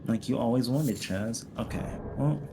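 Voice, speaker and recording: Over a noisy background, a streamer playing a co-op game rambles through a casual story heavy with "like" and "um." He has a mid-range voice with vocal fry and speaks at a moderate pace.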